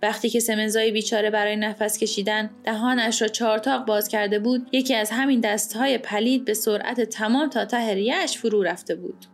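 A woman reading a literary short story aloud in a measured, literary manner. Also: fairly high pitch, steady tone. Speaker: audiobook narrator. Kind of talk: scripted narration of a short story. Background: faint music.

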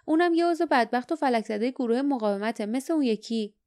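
A woman's voice: on the high side, expressive, dark tone, dry recording, studio quality, close to an everyday voice. A woman doing a growling pirate man. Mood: scornful. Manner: growling, quarrelsome. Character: rough angry male pirate.

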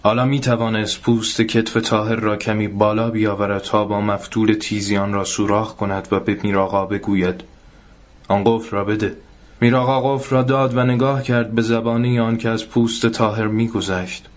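Low-voiced male story narrator. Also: little pitch movement, hardly any pauses. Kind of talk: literary story reading.

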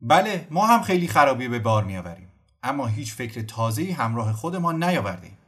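A man's voice: mid-range voice, big pitch swings, fairly bright tone, pitched above the performer's own voice. A man voicing a weary young Russian army officer with a melancholy, formal manner. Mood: rueful. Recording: faint music behind.

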